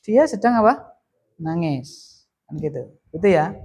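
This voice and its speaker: Male teacher, classroom lesson, animated emphasis, asks students questions. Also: a little high, measured pace, breathy edge. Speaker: teacher of Arabic grammar. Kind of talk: classroom lesson with call and response.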